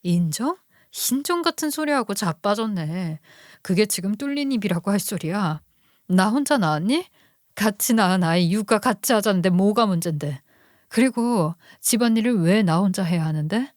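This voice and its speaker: A woman's voice: medium pitch, lively intonation, moderate pace, no echo, clean studio sound, natural voice. A woman voicing a furious, betrayed wife who curses and scolds sharply. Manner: sharp, cursing, indignant.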